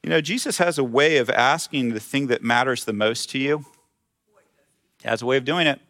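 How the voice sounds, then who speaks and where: Bright-voiced male pastor preaching. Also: mid-range voice, a little fast. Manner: conversational, animated retelling with voiced quotes. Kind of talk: sermon. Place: church sanctuary with screen.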